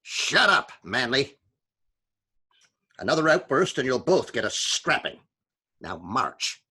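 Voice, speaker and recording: An actor playing a stern, scolding school principal with a barking, threatening manner in a screenplay reading. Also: male voice, medium pitch, sing-song, slow, pushed and bright, breathy edge, full character voice. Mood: angry, stern.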